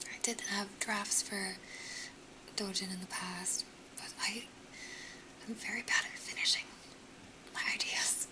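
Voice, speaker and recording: A young American woman whispers casually to her live stream viewers as an ASMR streamer, close to the mic and a little sniffly. Her mid-range voice keeps a steady tone at a measured pace with long pauses, and the recording is rough. She stays in a soft whisper throughout, chatting and laughing often.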